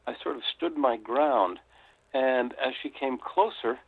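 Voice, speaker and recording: An older man from the United States, a guest author telling a story reflectively with frequent pauses, heard over a tinny phone line. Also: medium pitch, vocal fry, breathy edge, no room sound. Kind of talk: storytelling interview.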